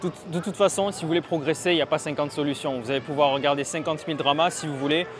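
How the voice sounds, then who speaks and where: A man's voice: fairly high pitch, fairly even intonation, fast, crowd noise. A man talking casually and bluntly to camera outdoors on a city street, teaching Mandarin learners, with some swearing. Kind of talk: casual vlog talk to camera. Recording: street traffic noise behind.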